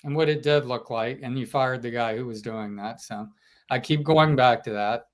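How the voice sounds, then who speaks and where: A man co-hosting a sports podcast, telling stories from a road trip in a casual, animated way. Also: medium pitch, moderate pace. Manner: storytelling, quotes fans in lively asides. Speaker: podcast co-host, sports reporter.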